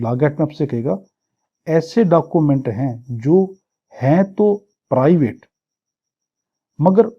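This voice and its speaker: Preparing students for exams, a Pakistani law lecturer reads out English clauses and explains them in a didactic style, posing questions and then answering them. His fairly high voice has a breathy edge, and the audio sounds dull.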